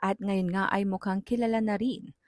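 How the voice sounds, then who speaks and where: A woman reading a scripted entertainment news voice-over in an even, newsreader-like delivery. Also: medium pitch, moderate pace, no echo, studio quality.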